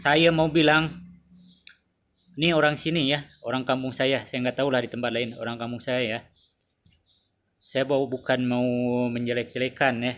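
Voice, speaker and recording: A man's voice: mid-range voice, fairly even intonation, moderate pace, long pauses, a bit bright. A man casually telling a long story about running his shop, rambling and repeating his phrases.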